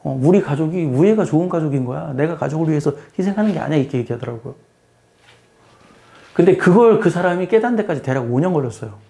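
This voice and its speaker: A middle-aged male teacher talks through a lesson in a mellow, somewhat high voice. He keeps a plain explaining tone, repeats himself for emphasis and often asks the listener questions. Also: lively intonation, fast, gravelly. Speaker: math teacher and lecturer. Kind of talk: casual spoken lecture.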